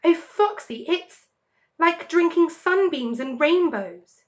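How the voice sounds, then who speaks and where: A woman voicing a hearty, excitable male badger in a children's story. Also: very high voice, takes it slowly, muffled recording, pitched above the performer's own voice, exaggerated voice. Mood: rapturous.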